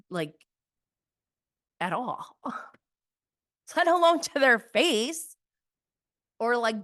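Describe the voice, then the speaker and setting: A woman's voice: a little high, fairly bright tone. A woman giving a casual, conversational recap of reality TV as a host, opinionated and emphatic in how she makes her points. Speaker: podcast host.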